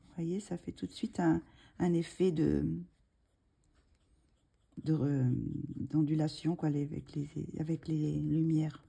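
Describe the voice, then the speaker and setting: A low, dark, husky female voice with vocal fry moves slowly and steadily, pausing often. She's hosting a coloring tutorial, chatting in a hesitant, casual way with lots of fillers and restarts, murmuring asides as she works, her throat a bit froggy.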